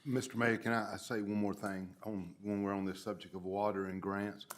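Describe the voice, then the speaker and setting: An American man, a council member, making informal and somewhat halting remarks at a town meeting. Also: lowish voice, level tone.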